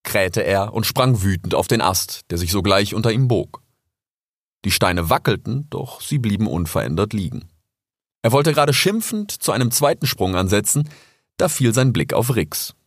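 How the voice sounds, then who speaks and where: A man narrating an animal story audiobook with expressive, lively storytelling. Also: on the low side, normal speed, no room sound, studio quality.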